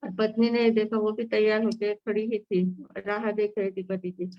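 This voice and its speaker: A woman's voice: mid-range voice, level tone, normal speed, no room sound, soft background music. Woman preaching and telling a story, lots of fillers, dry dull call sound. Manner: storytelling with many fillers and restarts. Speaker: Jain nun teaching scripture. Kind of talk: sermon with a told story. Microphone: online video call.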